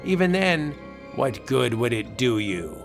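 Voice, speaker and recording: A man's voice: medium pitch, sing-song, gravelly, soft background music. Man as a taunting spirit guard in horror comic narration. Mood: gleeful mocking. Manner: taunting, drawn-out, theatrical. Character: gloating, mocking male spirit guard of death's maze. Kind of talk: vintage horror comic book narration, melodramatic character acting.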